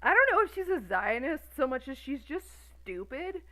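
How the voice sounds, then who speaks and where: A woman's voice: high-pitched, sing-song, normal speed, sharp tone, low-quality recording. A woman in her thirties ranting on a stream in a profane, sarcastic, exasperated way. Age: 30s. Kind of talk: casual ranting commentary.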